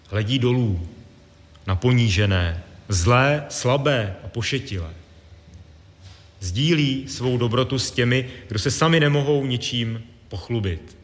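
A man preaching a sermon in a measured, deliberate way with pauses. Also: fairly low pitch. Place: church. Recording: long reverb of a church.

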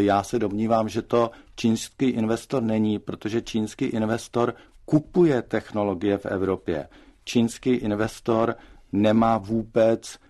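A man with a fairly low voice argues his case in a studio debate. He talks in measured, deliberate sentences, pausing with hesitations as he builds his argument. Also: a little mellow.

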